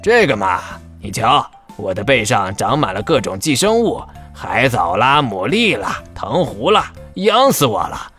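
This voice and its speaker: Man voicing a grumbling big shark, lively swings. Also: medium pitch, a little slow, hardly any pauses, soft background music. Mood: grumbling, itchy. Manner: grumbling, exclamatory, blunt. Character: big grumbling male shark, blunt but good-hearted. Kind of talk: children's audio story character acting.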